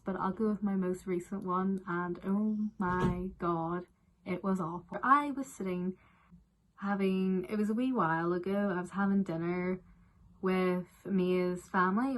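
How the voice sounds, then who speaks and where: A woman's voice: lowish voice, slight background noise. A young woman with a Northern Irish accent chatting casually through viewer questions, with lots of fillers. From Northern Ireland. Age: young adult. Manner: chatty, animated, frequent "like" and "um" fillers. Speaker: vlogger answering viewer questions. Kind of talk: casual Q&A chat.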